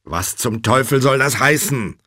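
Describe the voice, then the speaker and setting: A man voicing a worried man on a phone who shouts and pleads urgently. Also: medium pitch, big pitch swings, unhurried, dry recording, clean studio sound, voice pushed up. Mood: frantic.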